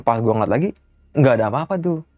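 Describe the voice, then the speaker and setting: A young man with a Jakarta colloquial accent, casually telling a ghost story as an interview guest and acting out every voice in it with big jumps in pitch. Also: fast, dry recording. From Jakarta, Indonesia. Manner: animated, acts out quoted dialogue with sharp pitch jumps. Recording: dull dry recording with faint music.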